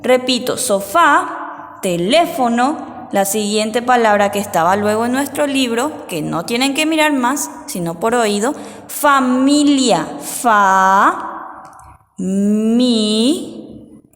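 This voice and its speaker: Slow, patient woman teacher in an echoey room. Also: on the high side, animated. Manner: sounds out syllables slowly and clearly; patient, step-by-step instructions. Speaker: primary school teacher. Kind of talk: slow dictation lesson for young children. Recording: roomy, reverberant echo.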